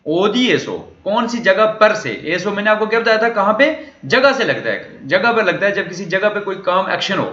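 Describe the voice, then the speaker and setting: A man's voice: sits high, expressive, moderate pace, hardly any pauses, bright, forceful tone. A man teaching a language lesson, walking through a recorded dialogue and repeatedly asking questions that he answers himself. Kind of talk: lecture explaining a recorded dialogue. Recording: echoey room, dull lo-fi sound.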